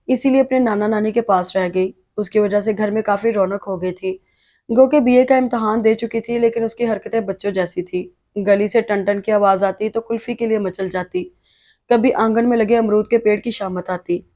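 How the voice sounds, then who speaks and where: A woman reading a novel aloud as narrator, with a steady, even storytelling delivery. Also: medium pitch. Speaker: audiobook narrator.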